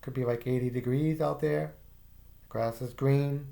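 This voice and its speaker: Speaking in a gravelly, medium-pitched voice, a man narrates a guided visualization at a slow pace in the second person. His delivery is soft and calm, sprinkled with casual fillers.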